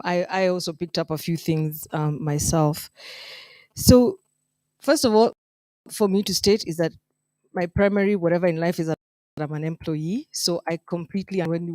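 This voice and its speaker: A woman's voice: on the low side, a little mellow, no echo. A woman who heads human resources answering on a panel, hesitant with many ums and restarts.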